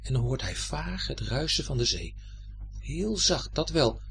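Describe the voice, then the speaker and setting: A man narrating a children's story in an expressive, lively way. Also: mid-range voice, unhurried, vocal fry, slight background noise.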